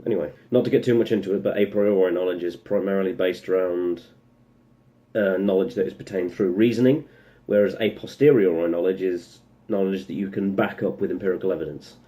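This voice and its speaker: A man's voice: low voice, fairly even intonation, a little fast, dark tone. Rambling sarcastic young man. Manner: rambling, sarcastic, full of self-interrupting asides. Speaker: vlogger. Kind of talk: casual opinion monologue.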